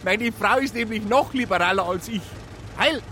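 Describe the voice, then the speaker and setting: A hearty, chatty middle-aged car buyer from the provinces, with a broad Bavarian accent. His voice sits very high and sounds bright and sharp, with faint street noise behind it in this radio play. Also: moderate pace.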